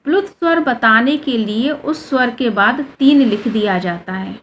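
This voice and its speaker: A woman's voice: fairly high pitch, unhurried, a bit bright, a little hiss or hum. A woman teaching a class, patiently asking questions and answering them herself, drawing out vowels to show how they sound. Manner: draws out vowels to demonstrate them. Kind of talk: explaining a lesson to students.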